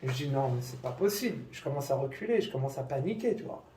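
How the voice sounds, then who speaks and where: A man's voice: mid-range voice, quick pace. Man telling his story, distant and echoey. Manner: animated, acts out dialogue, many fillers. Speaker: church member giving a testimony. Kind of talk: personal testimony storytelling. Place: congregation meeting room. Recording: echoey room, distant mic, faint noise.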